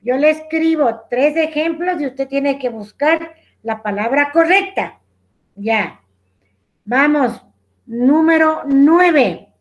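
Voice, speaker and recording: A woman's voice: high voice, dull audio. A woman teacher with an Ecuadorian accent, patiently giving a lesson over a video call and calling on students by name. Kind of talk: online class instruction.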